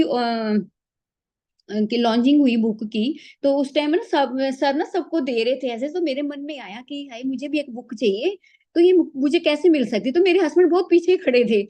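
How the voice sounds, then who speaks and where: A woman sharing a heartfelt spiritual experience, acting out the dialogue as she goes. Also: sits high. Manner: animated storytelling, acts out dialogue. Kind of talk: emotional personal testimony.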